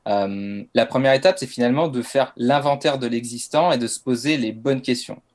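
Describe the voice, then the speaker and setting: A man's voice: medium pitch, moderate pace. A French man presenting a masterclass on writing social media posts, casual and hesitant with frequent fillers. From France. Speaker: LinkedIn content coach.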